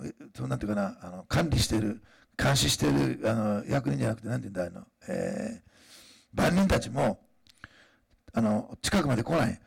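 A man preaching a sermon in a conversational way, pausing often with fillers and then rising into emphatic declarations. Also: medium pitch, creaky, husky. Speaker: pastor.

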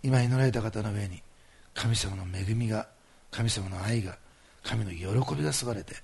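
Speaking at a moderate pace, a man with a lowish, darkish voice that's creaky with a breathy edge preaches from the pulpit. His healing prayer is fervent, full of authoritative declarations and heartfelt pleas that gently urge listeners on.

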